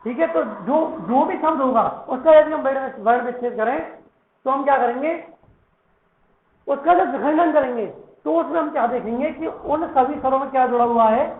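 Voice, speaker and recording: A man's voice: very high-pitched, normal speed. A male Sanskrit teacher giving a lesson, who keeps asking questions and answering them himself, and repeats words to drill their pronunciation. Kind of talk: classroom lesson. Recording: echoey room, tinny phone-like sound.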